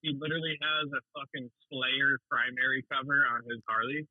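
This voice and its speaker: A man's voice: medium pitch, steady tone, a little fast, dry recording. A man calling in by phone while driving, telling a rambling story in a casual way, swearing often and laughing between lines. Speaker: suspension tech calling in. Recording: muffled phone-call audio.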